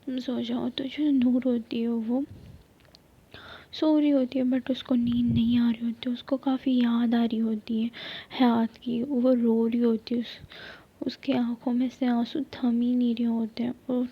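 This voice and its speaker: A woman narrates a love story in whispered role-play. Her breathy voice sits slightly high and barely moves in pitch. The recording is dull and lo-fi. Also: flat delivery.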